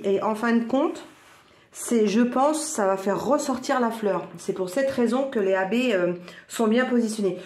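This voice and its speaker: A woman from northern France with a northern French accent, chatting excitedly through a crafts unboxing at home, full of little exclamations. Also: fairly high pitch. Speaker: crafts vlogger. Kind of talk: casual product unboxing. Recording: roomy echo.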